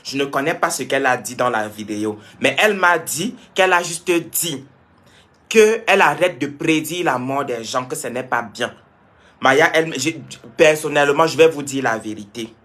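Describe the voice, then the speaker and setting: Animated man. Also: mid-range voice, moderate pace. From Cameroon. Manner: animated, repeats himself, reads and answers viewer comments. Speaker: live streamer addressing viewers. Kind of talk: casual live-stream talk.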